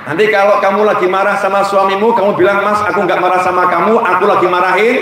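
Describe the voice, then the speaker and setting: A man preaching a humorous religious sermon in with a tinge, lively and joking as he draws the audience in. His voice sits high for a man and reaches the mic from a distance. A very echoey hall surrounds him, with a faint wash of background noise. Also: quick pace.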